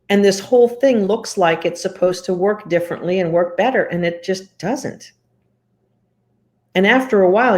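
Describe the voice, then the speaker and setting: A woman's voice: lowish voice, darkish tone. A middle-aged woman coaching viewers in a direct, emphatic talk that repeats points for emphasis. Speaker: leadership coach.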